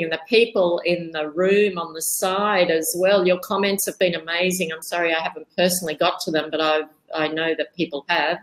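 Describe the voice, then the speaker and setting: A woman hosting a live-streamed discussion, talking earnestly and deliberately. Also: on the low side, low-quality recording. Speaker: host.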